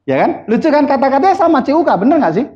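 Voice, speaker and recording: Male seminar speaker, high and lively voice, blunt teasing delivery. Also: rapid-fire. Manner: blunt, teasing, quizzes the audience. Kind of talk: live motivational seminar talk. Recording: dull lo-fi recording.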